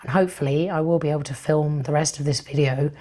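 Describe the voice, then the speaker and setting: A woman chatting casually about books in a vlog, rambling with ums, her voice breathy and fading as she loses it. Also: deep voice, quick pace, dark tone. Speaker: book vlogger. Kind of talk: casual book review vlog.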